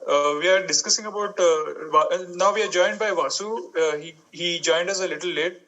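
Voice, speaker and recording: Bright-voiced host. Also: male voice, high voice, fairly quick, low-quality recording. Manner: hesitant, explaining with fillers. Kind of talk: casual group conversation.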